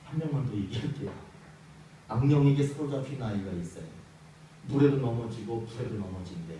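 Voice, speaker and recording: A male pastor preaching a sermon, animated and dramatic, acting out quoted lines. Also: medium pitch, fairly quick, slight background noise. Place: church sanctuary. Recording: echoey hall from far off.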